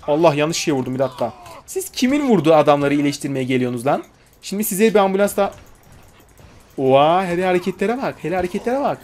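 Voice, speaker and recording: A man's voice: on the high side, expressive, fast talker, darkish tone. A young man giving casual, joking gameplay commentary, chatting to the characters on screen and swearing lightly. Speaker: gaming YouTuber.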